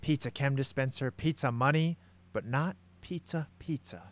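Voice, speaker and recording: A man narrates gameplay as a mock-dramatic comic tale. His voice sits at an average pitch, with grandiose phrasing that slips into casual swearing. There is slight noise on the recording. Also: moderate pace.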